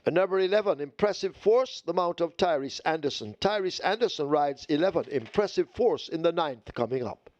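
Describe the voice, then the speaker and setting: Guy on a megaphone-ish pa at the races, kinda high voice, muffled lo-fi sound, says stuff twice slow and formal. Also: animated, a little mellow, no room sound. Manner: measured, repeats key details. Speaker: racetrack announcer. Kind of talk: formal race-day announcements. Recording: dull, lo-fi PA sound.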